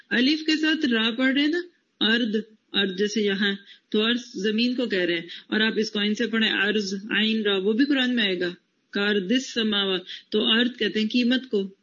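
A woman's voice: on the high side, fairly bright tone, highs cut off, slight background noise. A woman teaching the words of a Quranic passage to a class, asking students for root letters and praising their answers. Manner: quizzes students on word roots and praises answers. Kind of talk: classroom word-by-word lesson.

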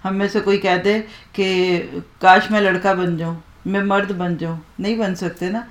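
A woman's voice: mid-range voice, steady tone, a little slow. Woman teaching Quranic Arabic in an echoey room. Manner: explains patiently, asks students to repeat in unison. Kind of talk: classroom lesson on Quranic grammar.

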